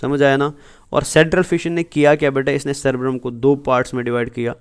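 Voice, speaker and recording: A man's voice: medium pitch, little pitch movement, fast, clean tone. A man teaching biology for an exam, asking questions and answering them himself as he mixes English terms into his talk. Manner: keeps asking and answering his own questions, calls students "beta". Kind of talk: exam-prep lecture over slides.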